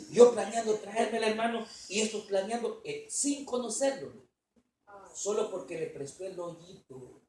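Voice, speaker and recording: A man preaching a sermon as pastor at a conference, telling stories with lively energy and often calling out to the congregation. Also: high-pitched, a little hiss or hum. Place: church conference hall. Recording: echoey hall, voice from far off.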